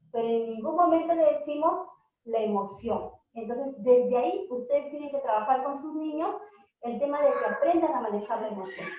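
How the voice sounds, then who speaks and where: High-voiced woman teaching parents, echoey room. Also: darkish tone. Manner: asks the audience many questions. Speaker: parenting workshop speaker. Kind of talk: talk to parents. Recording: very echoey, dull lo-fi sound.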